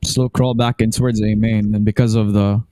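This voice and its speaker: A man's voice: fairly low pitch, little pitch movement, normal speed, dark tone, no echo, clean studio sound. A man with a Filipino accent giving esports caster commentary, switching between English and Tagalog.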